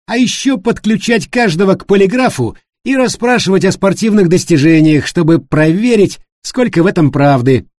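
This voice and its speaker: A man playing an excited, pushy businessman. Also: high-pitched, moderate pace, no room sound, clean studio sound, voice pushed up. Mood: mocking.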